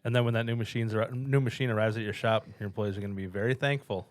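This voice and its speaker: A man co-hosts a casual business podcast, answering in short agreeing remarks. He speaks low and quickly, on a dry, close mic. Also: steady tone, dry recording. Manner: brief agreeing interjections. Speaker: podcast co-host, coworker.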